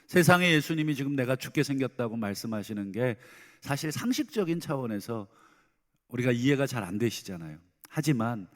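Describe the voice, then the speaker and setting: Middle-aged male pastor, earnest sermon delivery, hushed pleas and emphatic swells, ringing church reverb. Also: mid-range voice. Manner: earnest, swings between soft pleading and loud emphatic bursts. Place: church sanctuary.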